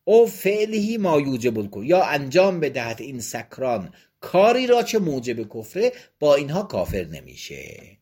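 A man's voice: fairly high pitch, wildly swooping pitch, a little mellow, slightly rough. A man teaching religious law in a seminary lecture, reading passages aloud and then explaining them plainly point by point.

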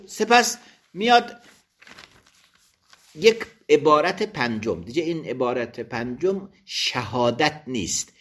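Animated man teaching a law text. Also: fairly high pitch. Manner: reads Arabic text aloud, then explains each phrase; thinks aloud with quick self-corrections. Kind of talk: religious law lesson.

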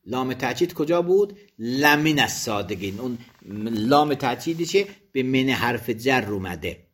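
A man teaches religious law by reading each phrase of a text aloud and then explaining it, thinking aloud and sometimes correcting himself mid-word. His mid-range voice is animated and a bit bright.

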